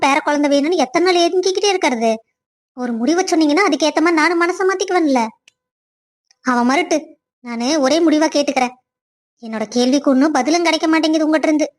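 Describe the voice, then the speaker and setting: A woman voicing a high-pitched nagging mother-in-law. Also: close to an everyday voice. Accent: Kongu Tamil. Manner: scolding, complaining. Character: nagging middle-aged mother-in-law, demanding a grandchild. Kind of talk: cartoon family drama voice acting.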